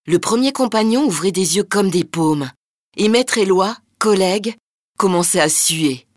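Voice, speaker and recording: A woman narrating a folk tale in a lively, rhythmic storytelling manner. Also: medium pitch, a little slow, no echo, clean studio sound.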